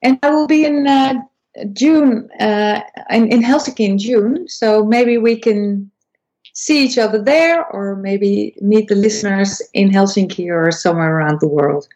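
A woman who is a voice and persuasion coach, explaining to an interviewer, with frequent restarts and high and low demonstrations. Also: measured pace, a little mellow, rough recording. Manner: demonstrates pitch shifts, squeaky high then low voice. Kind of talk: interview conversation.

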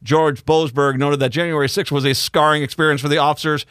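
A man hosting a radio talk show, speaking in an animated, conversational and emphatic way. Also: fairly high pitch, brisk, clear, resonant tone, no room sound, studio quality. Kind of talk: live radio talk and news commentary.

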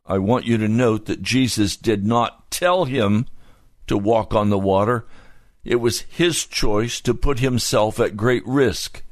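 A man preaching a sermon as a pastor. He tells the story slowly and deliberately, pausing to explain each point. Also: on the low side, dry recording, clean studio sound.

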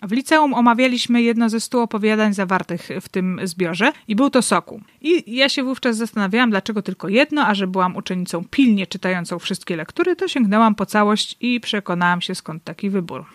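A woman's voice: medium pitch, brisk, few pauses, no echo. A woman giving wry, analytical literary commentary, with dry irony and read-aloud excerpts. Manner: wry, analytical, dryly ironic. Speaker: book reviewer.

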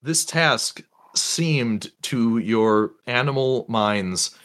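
A man narrating a tabletop game as game master, relaxed and halting, with many fillers and restarts. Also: mid-range voice.

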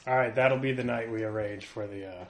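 A man's voice: lowish voice, fairly even intonation, brisk. A man taking part in a tabletop game as a player, talking casually. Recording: echoey room, noisy, clicks.

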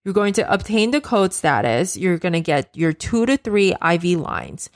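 A woman's voice: fairly low pitch, very animated, normal speed, no room sound, clean studio sound. A woman hosting a nursing podcast, explaining steps in a plain, matter-of-fact teaching voice. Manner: instructive, matter-of-fact, direct second-person guidance. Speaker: podcast host, nurse educator. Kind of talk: podcast lecture.

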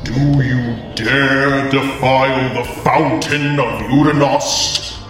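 A scowling marble statue. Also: male voice, fairly even intonation, fairly bright tone. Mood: menacing. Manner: slow, booming and menacing. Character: scowling marble winged statue guarding holy fountain. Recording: echoey, distant, with music.

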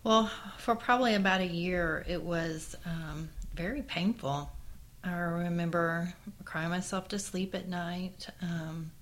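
A woman with a lowish voice tells personal stories as co-host of a casual chat. She talks in an earnest, heartfelt way and often pauses on fillers. Her delivery stays sincere and conversational. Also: fairly bright tone. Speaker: co-host, mother.

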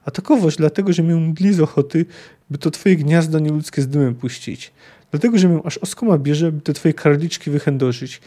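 A brutal, sneering male bandit spits out jeering threats in a novel reading, voiced by a man. The voice sits a little high and is soft and mellow in tone. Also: brisk, lightly acted. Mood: contemptuous. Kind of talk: reading a novel aloud in character.

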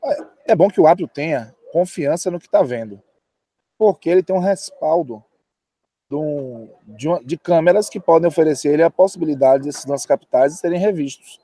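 A man's voice: fairly high pitch, normal speed, warm tone, dry recording, studio quality. A man giving post-match football analysis from a stadium's stands, speaking emphatically and repeating key points.

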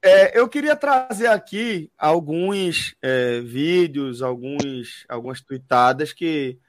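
A Brazilian man hosting a casual football chat, pausing often with fillers. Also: fairly high pitch, expressive. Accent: Brazilian Portuguese. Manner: hesitant, fills with "é". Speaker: show host.

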